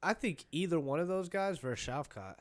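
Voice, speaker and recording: Chill young dude co-hosting a fight podcast, kinda hedgy, says bro a lot. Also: male voice, on the high side, animated, brisk. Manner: laid-back, hedging, says bro. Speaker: podcast co-host. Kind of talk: casual fight chat.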